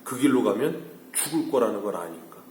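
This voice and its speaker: A man's voice: lowish voice, very animated, a little fast, darkish tone, reverberant, a little hiss or hum. A man preaching at an early-morning church service. He asks the congregation questions and then answers them himself. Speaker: pastor. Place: church sanctuary.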